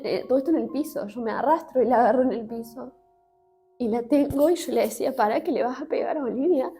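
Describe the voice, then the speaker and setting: A woman with an Argentine accent gives an emotional personal testimony in an interview. She speaks haltingly, with many restarts and fillers. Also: high-pitched, mellow. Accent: Argentine Spanish.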